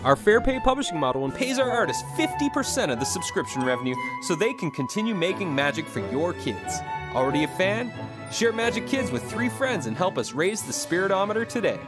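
A man's voice: sits high, sing-song, a little fast, loud music behind the voice. A man reading a scripted promotional outro for a kids' audio show in an upbeat, friendly way. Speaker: show announcer.

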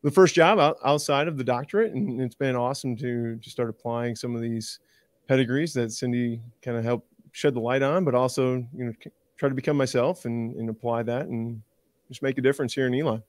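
A man's voice: mid-range voice, brisk, no echo. A Canadian man in his thirties, a guest band director, chatting eagerly in a loose, rambling way with many restarts. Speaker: university director of bands, guest. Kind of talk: casual interview chat.

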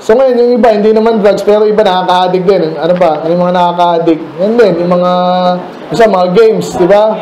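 A man's voice: high-pitched, fairly quick, warm tone, roomy sound, slight background noise, poor audio. A Filipino man preaching a midweek Bible study sermon, talking conversationally and asking the congregation questions. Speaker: pastor. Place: church room.

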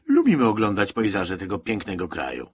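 Man voicing a calm young soldier, wry and steady, low husky voice, audiobook. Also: a little slow, full character voice.

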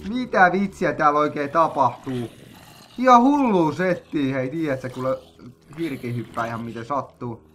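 A young man, an excitable, jokey gaming host narrating a let's play, with sudden loud outbursts. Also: on the high side, slight background noise.

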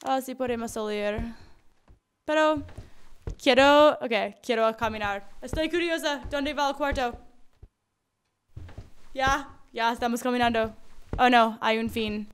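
A woman's voice: on the high side, slow pace, pauses often, clean tone. A woman commenting as she plays a horror game, reading notes aloud and reacting with gasps and screams. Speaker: gamer playing a horror game.

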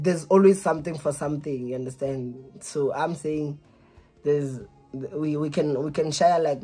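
A vlogger in his twenties makes a prank call, speaking in a fairly high, warm voice. On the casual phone call he sounds hesitant, repetitive and pleading, recorded close up in a small room.

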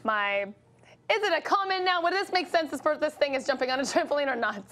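A woman chatting during a party game, her voice husky from being lost, giggly and easily sidetracked. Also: high-pitched, expressive, fairly quick, fairly bright tone. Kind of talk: casual game-show chat.

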